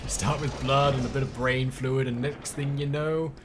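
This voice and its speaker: A man's voice: medium pitch, level tone, moderate pace, music in the background. Tired wry man streaming a game. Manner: wry, self-mocking, rambling asides. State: tired, yawning. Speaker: let's play streamer. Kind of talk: casual live gameplay commentary.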